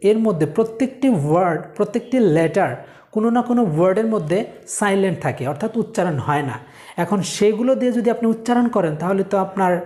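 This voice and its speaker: A woman teaching a spoken English lesson, explaining words and repeating each one slowly for learners, with English phrases mixed into her explanations. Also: on the low side, dark tone.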